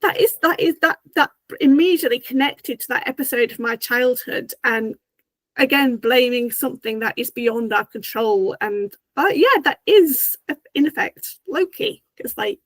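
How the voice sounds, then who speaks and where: A woman's voice: sits high, animated, normal speed, no echo, poor audio. Upbeat woman hosting a discussion. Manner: enthusiastic, quotes dialogue, frequent "kind of like" fillers. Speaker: host. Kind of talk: casual review discussion.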